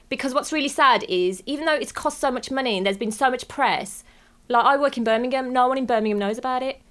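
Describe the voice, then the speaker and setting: A woman's voice: fairly high pitch, a bit bright. A young woman from Bromwich, chatting in an interview and peppering her answers with "like". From West Bromwich, England. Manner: chatty, frequent "like" fillers.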